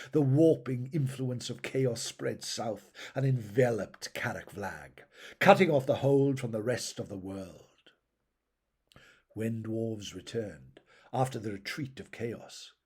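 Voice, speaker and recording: A man with a husky, lowish voice narrates fantasy fiction aloud. His storytelling is measured and dramatic, with phrases that trail off softly.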